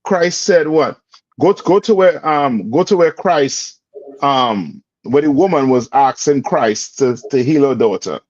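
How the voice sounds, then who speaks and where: This class instructor leads a call-and-response religious lesson, questioning his students and coaxing replies out of them. His medium-pitched, somewhat mellow voice moves a bit slowly but with lively intonation. The audio is dry, dull, and lo-fi.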